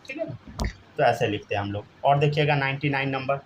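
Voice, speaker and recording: Talking fast in a medium-pitched voice, a man runs a live chemistry lesson, repeatedly asking students to respond and making sure they keep up with frequent "theek hai"s. The highs are cut off and there's slight background noise.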